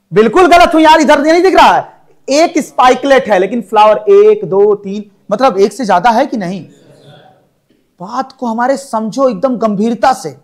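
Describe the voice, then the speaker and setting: Male teacher who lectures with lots of coaxing questions. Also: very high voice. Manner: coaxing, asks students constant questions. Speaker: biology teacher. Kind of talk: classroom lecture.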